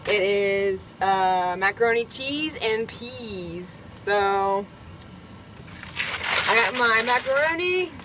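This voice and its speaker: A young Kentucky woman vlogs from her camper kitchen, chatting casually as she cooks. Her mid-range voice has lively intonation and a slow pace, and she's bubbly and giggly, sprinkling in plenty of "like" and "um." The recording is very noisy.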